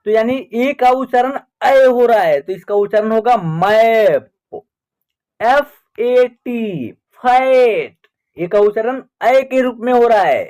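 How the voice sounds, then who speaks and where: A man's voice: very high-pitched, moderate pace, hardly any pauses, darkish tone. A man with a Hindi accent teaching English pronunciation, spelling words out letter by letter and checking in with learners. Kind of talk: slow spelling and pronunciation lesson.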